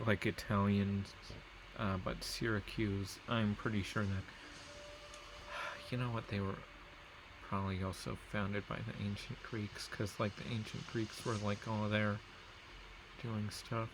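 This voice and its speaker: Over a noisy background, a man commentates a strategy game in a casual let's-play, speaking low, flat and unhurried with frequent pauses. He rambles and corrects himself while reading out place names.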